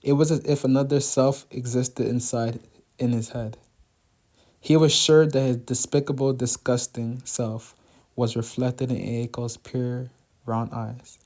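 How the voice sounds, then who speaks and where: Sex: man. Role: manga reader. Style: reading a manga aloud. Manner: subdued, slow. Pitch: middling. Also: steady tone, a little mellow.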